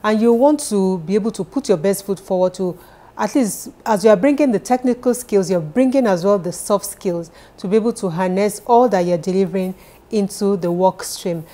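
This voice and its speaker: A Nigerian woman in her thirties with a Nigerian accent vlogs advice for immigrants straight to camera from her living room sofa. Her medium-pitched, mellow voice sounds earnest and encouraging, and she repeats key points.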